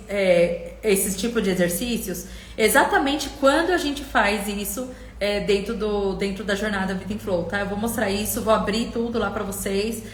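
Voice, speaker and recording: A middle-aged woman coach hosts a live stream, her mid-range voice sounding reverberant with a little hiss or hum. She talks passionately and directly to viewers, quoting them in acted voices during this emotional live coaching session.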